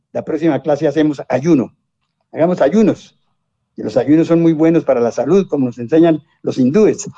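Older Colombian man, mellow and dry. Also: fairly high pitch, no echo, muffled recording. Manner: discursive, tag questions and exclamations, self-corrects. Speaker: lawyer and science popularizer, interview guest. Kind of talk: rambling anecdotal interview talk.

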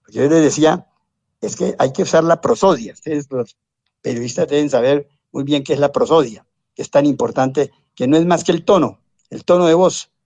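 A man's voice: on the high side, normal speed, darkish tone, dry recording. An older man with a Colombian accent, a lawyer giving a rambling, anecdotal interview full of asides and self-corrections. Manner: discursive, tag questions and exclamations, self-corrects. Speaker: lawyer and science popularizer, interview guest.

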